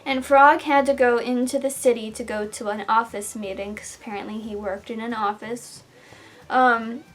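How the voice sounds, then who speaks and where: A young adult woman with a sore throat, casually recounting dreams in a loose, self-interrupting way as a vlogger. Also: fairly high pitch. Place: small room at home, indoors.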